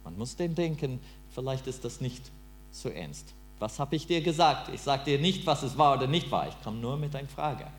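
Native English man preaching in halting German. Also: medium pitch, lively intonation. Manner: halting, broken German, quizzes listeners. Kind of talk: interactive sermon. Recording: roomy with mains hum.

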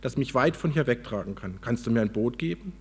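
A man's voice: mid-range voice, animated, brisk, slightly rough. A man doing a demanding boy grown old. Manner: blunt, wanting.

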